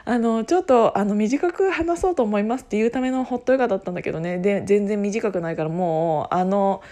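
A woman with a husky, hoarse voice chatting casually on her own, rambling and often interrupting herself in a self-deprecating way. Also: medium pitch, quick pace, warm tone. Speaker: podcast host making an announcement. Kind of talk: casual solo chat.

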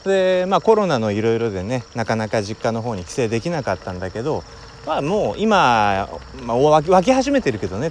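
A man from Wakayama hosting his own talk show at his family home, explaining in an unhurried way as he thinks aloud. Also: medium pitch, slight background noise. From Wakayama, Japan. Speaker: podcast host. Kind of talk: casual solo talk.

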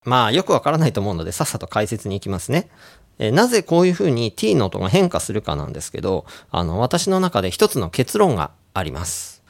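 A man hosting a radio English lesson who plays a friendly doctor giving out cures and explains pronunciation in a relaxed, joking way. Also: lowish voice, fast, creaky. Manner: playful doctor role, casual asides. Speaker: radio show host and English coach.

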